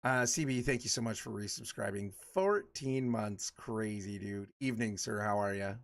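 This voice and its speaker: A man's voice: fairly low pitch, normal speed. A man in his forties chatting casually with his livestream viewers, rambling and laughing often. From Michigan. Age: 40s. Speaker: livestream host.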